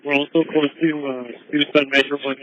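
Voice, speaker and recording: A man's voice: fairly high pitch, level tone, a little fast, no echo. A man police officer giving terse radio calls, heard over a police walkie-talkie. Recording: dull lo-fi radio transmission.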